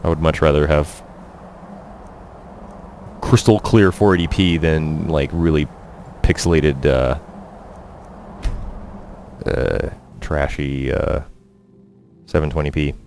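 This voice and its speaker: Deep-voiced young man streaming a game. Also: steady tone, slow pace, long pauses, darkish tone, a little hiss or hum. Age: young adult. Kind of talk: casual gameplay live-stream commentary.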